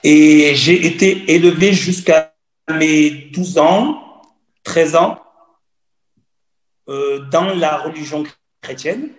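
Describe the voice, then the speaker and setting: A man's voice: on the high side, takes it slowly, long pauses, faint music behind. A man in his forties from Cameroon, telling his personal story as a guest in an earnest, repetitive way. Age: 40s. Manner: earnest, storytelling, repeats phrases. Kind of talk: personal testimony in conversation. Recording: roomy echo.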